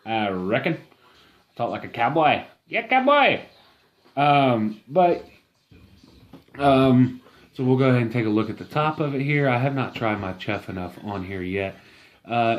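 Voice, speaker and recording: A man giving a casual, rambling product review, enthusiastic but halting and full of fillers. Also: on the low side, a little mellow.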